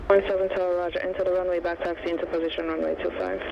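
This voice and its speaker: A man's voice: sits high, level tone, very fast, creaky, muffled recording. A man working as an air traffic controller, giving clipped procedural instructions over aviation radio. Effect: aviation radio transmission. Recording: noisy radio, aircraft engine noise. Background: loud aircraft engines.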